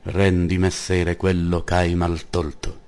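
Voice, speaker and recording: A grave friar admonishes a tyrant in a low, unhurried voice, as a man reading a story plays him. His speech is solemn and preacherly, stern yet gentle. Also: completely flat delivery, clean tone.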